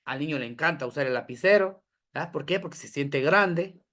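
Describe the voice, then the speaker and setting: A man's voice: a little high, brisk, a bit bright. A man giving an online training lecture to teachers. He explains step by step, lists examples and keeps checking in with "¿verdad?". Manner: addresses listeners directly, asks how they are following. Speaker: teacher trainer in educational psychology.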